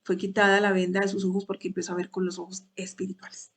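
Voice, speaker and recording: A woman's voice: mid-range voice, monotone, quick pace, husky. A woman leading a Bible study talk for women, hesitant at times, repeating words and asking rhetorical questions.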